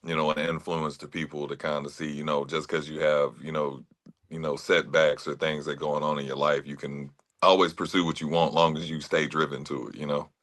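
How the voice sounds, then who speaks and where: Deep-voiced laid-back man. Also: little pitch movement, brisk, fairly bright tone. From Atlanta, Georgia, US. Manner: laid-back, frequent "you know what I'm saying". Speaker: interview guest, actor and fitness trainer. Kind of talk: relaxed conversational storytelling.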